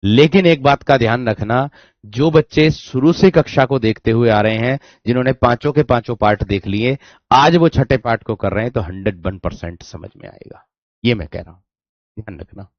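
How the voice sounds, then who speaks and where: Teacher repeating slowly, lo-fi. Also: male voice, mid-range voice, no room sound. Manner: repetitive, dictates slowly, keeps asking if it's clear. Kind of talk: online exam-prep class. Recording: dry, dull lo-fi sound.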